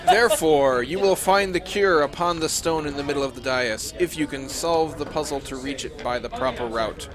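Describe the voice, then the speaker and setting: A man's voice: a little high, normal speed, hardly any pauses, lightly acted. A man voicing a wrathful, solemn guardian spirit of a chapel, speaking in grave, formal, unearthly pronouncements for a tabletop game. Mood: stern, menacing.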